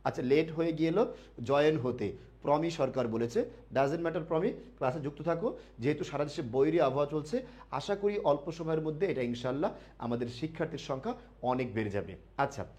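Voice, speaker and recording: Guy running a live online class, kinda high voice, keeps asking questions then answering them, drags the key words out. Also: lively intonation, darkish tone. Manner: asks students questions and answers them himself, repeats key words slowly. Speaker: online admission-test teacher.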